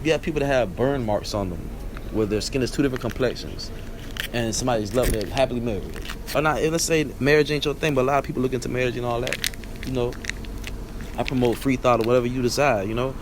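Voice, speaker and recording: A young man with a Barbadian accent hosts a vlog, rambling through a casual solo monologue and often asking "you know what I'm saying?". He talks fast at a medium pitch, with background noise present.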